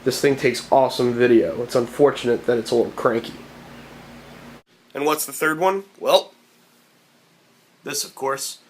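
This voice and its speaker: A man's voice: medium pitch, moderate pace, long pauses, a little hiss or hum. A man talking casually to camera in a vlog, rambling and restarting his sentences. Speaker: vlogger.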